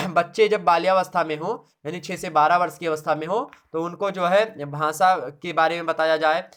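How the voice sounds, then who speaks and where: A man's voice: a little high, moderate pace, fairly bright tone. A man delivers a classroom lecture. He talks through his points loosely, frequent fillers and restarts, and grounds them in everyday examples. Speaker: teacher. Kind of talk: exam-prep lecture on child psychology.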